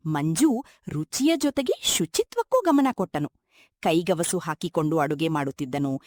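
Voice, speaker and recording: A woman narrates a scripted moral story in a mid-range, slightly mellow voice. The recording is clean studio sound with no room sound.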